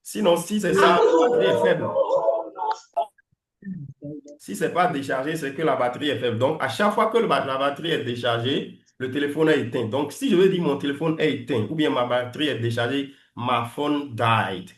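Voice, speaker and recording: A man teaching an online class, coaching pronunciation, lively and teasing as he drills his students. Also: a little high, fast talker, reverberant. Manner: lively, teasing, switches between French and English drills. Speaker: English teacher.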